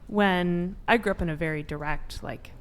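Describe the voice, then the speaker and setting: A woman's voice: on the low side, normal speed, a little hiss or hum. A woman from Eastern Europe, a guest on a casual panel chat, talking easily with many fillers. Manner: chatty, laughs easily, lots of fillers.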